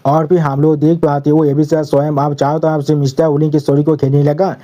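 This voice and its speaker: A man narrating a manga recap in a steady storytelling manner. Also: a little high, fairly quick.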